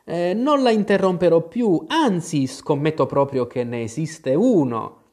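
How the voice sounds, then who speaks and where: A man's voice: on the high side, animated, measured pace, a little mellow, pitched above the performer's own voice. A man voicing a curious, polite young girl in a storybook reading, asking earnest questions.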